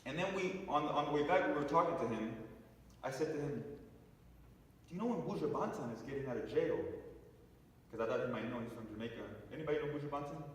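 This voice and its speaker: A man's voice: fairly high pitch, fast. A man giving a talk to a congregation, telling a story with restarts and asides to the audience. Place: church hall. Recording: echoey hall, picked up from a distance.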